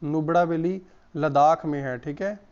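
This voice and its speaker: A hoarse man giving an exam-prep lesson, repeating each answer and calling his viewers friends. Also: a little high, normal speed, a little mellow, muffled recording. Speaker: exam coach.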